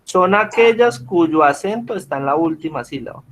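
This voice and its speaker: A man leads an online class, his voice sitting a little high for a man. He explains each point patiently and keeps asking whether his students follow. The sound comes through a video call. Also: expressive, moderate pace, a bit bright. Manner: patient, checks in with frequent questions. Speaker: teacher.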